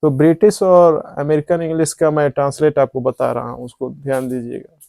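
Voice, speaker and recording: A man's voice: a little high, level tone, fairly quick, vocal fry, dark tone, dry recording, clean studio sound. A man teaching English vocabulary at a board, asking questions and answering them himself. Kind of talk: classroom lesson at a board.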